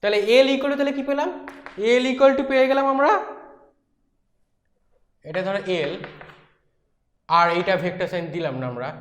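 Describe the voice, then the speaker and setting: A woman's voice: fairly high pitch, a bit bright. A woman teaching physics who works through derivations step by step, asking questions aloud and checking with her students. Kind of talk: whiteboard lecture. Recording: echoey room.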